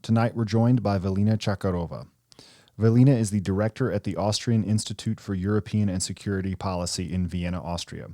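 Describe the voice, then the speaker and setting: A man's voice: lowish voice, fairly quick, warm tone, no echo, studio quality. A man hosting a podcast interview, introducing his guest and asking friendly, slightly rambling questions. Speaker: podcast co-host.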